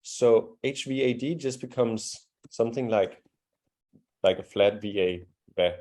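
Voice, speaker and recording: A man leads a live beginner language class, patient and encouraging as he walks the students through pronunciation. His voice is mellow and warm, sitting at an ordinary pitch. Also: measured pace. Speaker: Danish teacher.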